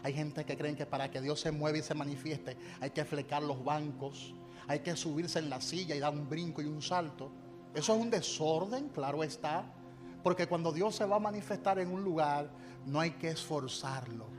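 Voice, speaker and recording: High-voiced male pastor preaching over music. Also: normal speed. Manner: emphatic preaching with repeated refrains; calls on the congregation to repeat after him. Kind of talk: sermon.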